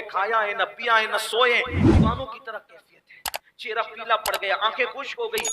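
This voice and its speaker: A preacher delivering an impassioned storytelling sermon, swinging from loud declaiming to hushed pleading. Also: male voice, high-pitched, low-quality recording. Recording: crowd heard at live gathering.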